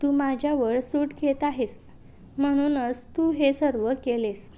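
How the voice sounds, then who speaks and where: A woman's voice: high voice, steady tone, a little slow, warm tone. A woman voicing a tearful, pleading young elder sister in a read-aloud story.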